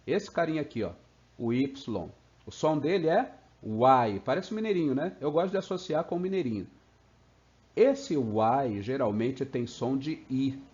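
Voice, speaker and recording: Playful Brazilian English teacher, man. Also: a little high. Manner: lively, playful, stretches out example sounds. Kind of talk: explanatory video lesson. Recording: slightly dull lo-fi sound.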